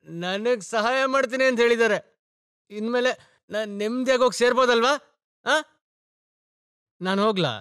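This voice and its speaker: A man's voice: high voice, clear, resonant tone, no echo. An actor dubbing a down-on-his-luck younger brother who is drunk and rambles, repeating himself, in a dubbed film. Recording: loud film score behind. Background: music.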